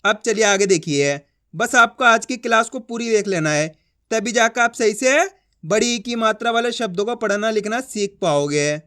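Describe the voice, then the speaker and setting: A man teaching a reading lesson step by step, drilling with repeated questions and answers and stretching syllables out slowly. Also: high-pitched, animated, pushed and bright.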